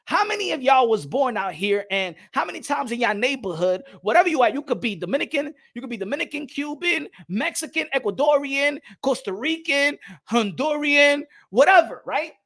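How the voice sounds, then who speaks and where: A man hosting a casual boxing livestream, animated, swinging between loud outbursts and low mumbling, dropping Spanish phrases into his talk. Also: fairly quick, vocal fry, few pauses. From United States. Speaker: boxing commentator.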